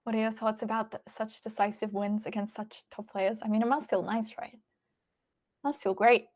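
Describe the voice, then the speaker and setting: A woman's voice: a little high, steady tone, normal speed, darkish tone. An Australian-accented woman hosting a livestream, chatting casually and informally as she thinks aloud and responds to viewers. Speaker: livestream host. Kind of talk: casual livestream chat, reading and answering viewer messages.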